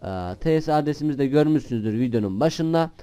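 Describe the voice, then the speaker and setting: A young man hosts a gaming channel, chatting and rambling casually as he plays, then bursting into shouted swearing at other players. His voice is a little high, expressive, fast and clean.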